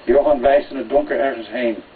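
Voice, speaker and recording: Brief: male reader of a crime story, steady narration, far from the mic with a light hiss. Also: medium pitch, fairly quick. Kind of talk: reading a crime novel aloud. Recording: tinny phone-like, distant, faint hiss.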